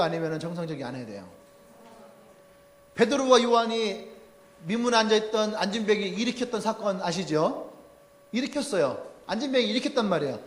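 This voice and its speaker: A male pastor preaching a sermon to his congregation, animated and often acting out the people in his stories. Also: high voice. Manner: animated, acts out quoted people with shouts and laughs. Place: church sanctuary. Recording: echoey church hall.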